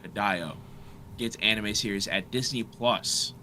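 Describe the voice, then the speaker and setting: A man's voice: fairly low pitch, unhurried, sharp tone, slight background noise. A man hosting a casual podcast chat, talking in easy slang with frequent laughs and reading an article aloud with stumbles. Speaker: podcast host.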